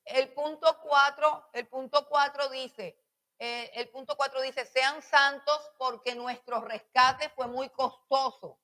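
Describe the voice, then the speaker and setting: A woman's voice: sits high, fairly even intonation, slow pace, bright, forceful tone. Repetitive woman Bible teacher. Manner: repeats phrases for emphasis, questions the class. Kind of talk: classroom lecture on preaching.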